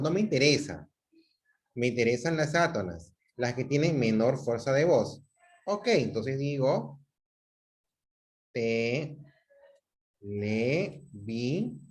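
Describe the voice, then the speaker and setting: A man from Peru teaching a class over a video call, patiently repeating examples and checking that students follow. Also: fairly high pitch. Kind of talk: online class lecture.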